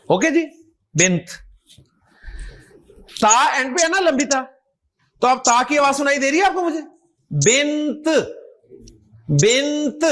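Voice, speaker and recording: A male Arabic grammar teacher with a Pakistani Urdu accent and a strikingly high voice. He explains patiently, repeats each example and keeps asking the class whether they follow. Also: a bit bright. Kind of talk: recorded grammar lecture.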